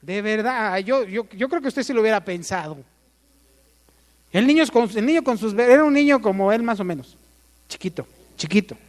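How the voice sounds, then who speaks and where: A man's voice: high-pitched, moderate pace, big-room sound. A man with a Mexican accent preaching a sermon, asking the congregation questions and calling for amens.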